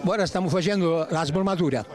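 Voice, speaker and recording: An older man with a Sicilian accent, explaining traditional work in casual dialect, halting and repeating himself. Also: sits high, darkish tone, soft background music. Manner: halting, repetitive, colloquial explanations. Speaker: traditional winemaker recalling his work.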